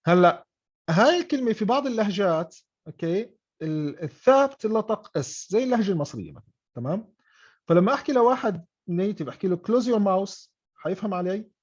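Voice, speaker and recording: A man's voice: high voice, very animated, quick pace, breathy edge. Guy teaching english online, keeps saying okay?, muffled lo-fi audio. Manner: mixes English and Arabic, frequent "okay?" checks. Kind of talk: online class explanation. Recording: dull lo-fi online call audio.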